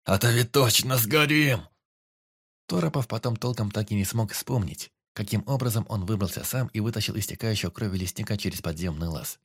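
Male narrator, lowish voice, steady measured storytelling. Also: husky. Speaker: audiobook narrator. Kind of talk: scripted narration.

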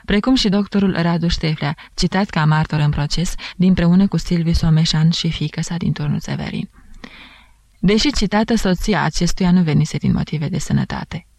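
A woman narrating a novel aloud in a measured, even reading. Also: low-pitched, gravelly, dry recording. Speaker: audiobook narrator. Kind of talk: scripted literary narration.

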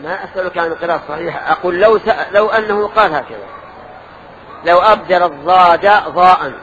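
An older religious teacher leads a mosque lesson circle, quizzing his students, correcting them and explaining. His voice is high, quick and fairly bright, captured in a dull lo-fi recording with faint noise.

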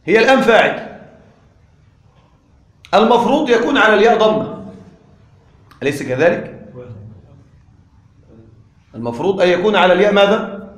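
A man's voice: high-pitched, expressive. A man teaching grammar in a classroom lesson, repeating his points and quizzing listeners with questions. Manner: stretches words slowly when demonstrating pronunciation. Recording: echoey room.

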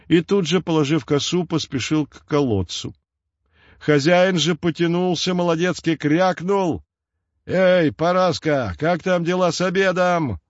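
A man narrates a children's fairy tale in a lively storytelling voice at a middle pitch. The recording is dull, with muffled highs. It sounds dry, with no room echo.

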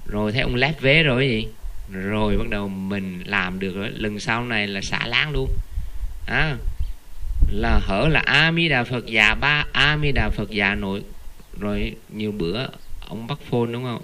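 A man giving an informal Buddhist dharma talk, telling stories with animated, earnest emphasis. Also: mid-range voice. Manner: animated, earnest storyteller who keeps repeating the Buddha's name. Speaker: Buddhist lay teacher.

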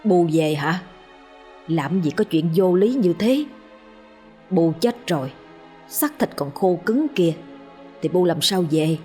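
A woman's voice: fairly low pitch, animated, slow pace, long pauses, mellow, faint music behind. A woman voicing a worried middle-aged village husband who presses his wife with anxious questions, in a ghost story reading.

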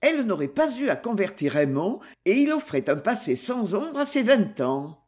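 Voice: medium pitch, big pitch swings, darkish tone, lightly acted. A reader voicing a grave, pious mother. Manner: measured, slightly ironic. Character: grave, pious older mother, gently severe. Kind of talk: audiobook character reading.

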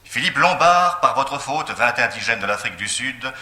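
A booming accusing voice. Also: male voice, lively intonation, bright, forceful tone. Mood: solemn. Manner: solemn, slow, declamatory. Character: disembodied accusing voice from a gramophone record. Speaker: recorded accusing voice. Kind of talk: 1970s French radio drama. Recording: roomy reverberant sound.

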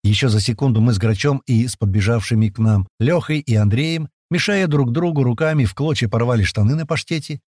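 A man's voice: mid-range voice, fairly quick, few pauses, darkish tone, no room sound, clean studio sound. A man reading a first-person adventure story in a colloquial, storytelling way. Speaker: narrator. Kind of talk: first-person audiobook narration.

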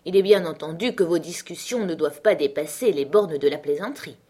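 A woman reading aloud, voicing a jovial older man who hosts a dinner and cries out loudly. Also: deep voice, brisk, husky. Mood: hearty exclaiming. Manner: loud, exclamatory. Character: jovial older male host, hearty.

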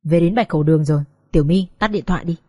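A woman voicing a calm, protective older male gang leader who speaks in a soothing but firm, old-fashioned way. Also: lowish voice, very fast, no room sound, studio quality, pitched below the performer's own voice, lightly acted.

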